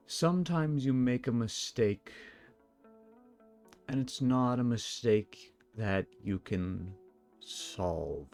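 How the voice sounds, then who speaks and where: A man playing a calm, wistful ancient sun champion, speaking slowly and solemnly in a live role-play. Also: deep voice. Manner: slow, reflective, solemn storytelling.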